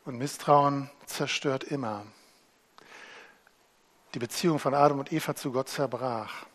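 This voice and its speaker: A man preaching a sermon, swinging between hushed and loud as he retells scripture. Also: medium pitch, unhurried.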